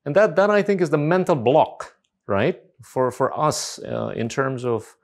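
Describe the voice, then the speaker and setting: A man from Indonesia, hosting an interview and asking questions in a halting way. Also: a little high, expressive, creaky, a little mellow. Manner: halting, restarts while framing questions. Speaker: host.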